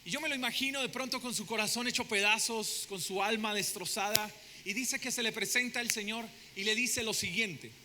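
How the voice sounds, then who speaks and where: Preacher guy, sharp bright tone, dramatic sermon, quiet hiss behind. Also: sits high, fairly quick, in a large hall. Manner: dramatic, asks the congregation questions. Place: church sanctuary.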